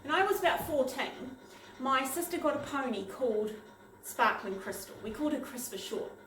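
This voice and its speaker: A woman's voice: sits high, moderate pace, far from the mic. A woman telling a funny childhood story in a self-mocking way. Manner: lively, self-mocking, lightly amused. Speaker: vlogger. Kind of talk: personal anecdote storytelling. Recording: roomy echo, off-mic, faint noise.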